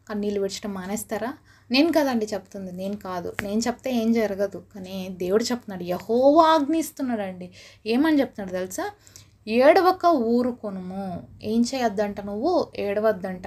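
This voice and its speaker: A woman's voice: medium pitch, darkish tone. A woman giving an earnest devotional sermon, opening with a prayer and asking her listeners many questions. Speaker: preacher.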